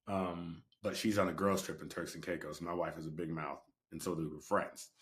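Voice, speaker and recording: Deep-voiced man telling a lively story. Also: moderate pace. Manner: lively storyteller, acts out both sides of conversations. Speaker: actor. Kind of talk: animated anecdote in an interview.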